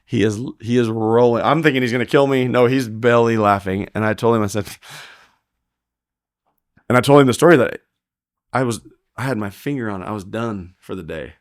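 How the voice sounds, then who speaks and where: On a podcast, a rodeo heeler tells stories casually and with plenty of animation, acting out what other people said, laughing often and restarting sentences. His voice sits mid-range and moves fairly quickly, with frequent pauses. The recording is dry, with clean studio sound.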